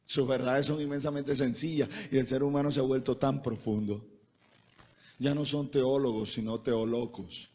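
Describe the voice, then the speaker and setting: A man's voice: mid-range voice, fairly even intonation, moderate pace, a little mellow. A man preaching a sermon to a congregation in a church, impassioned and emphatic, having listeners repeat phrases after him. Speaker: pastor.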